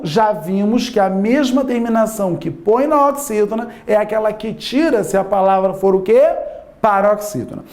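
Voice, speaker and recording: A man's voice: high-pitched, darkish tone. Man quizzing a class. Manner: quizzes the listener with repeated rhetorical questions; drawn-out emphasis on key words. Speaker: Portuguese teacher. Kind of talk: classroom grammar lesson.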